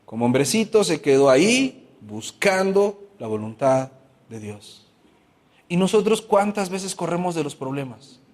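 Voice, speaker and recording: A man's voice: a little high, very animated, a little slow, a little mellow, big-room sound. A man preaching a sermon as pastor, asking his congregation many questions and acting out everyday complaints.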